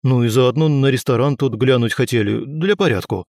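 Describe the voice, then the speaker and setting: A man's voice: medium pitch, brisk, a little mellow, no room sound, studio quality, lightly acted. A man voicing a frightened, deferential police driver who speaks nervously to his superior. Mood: servile.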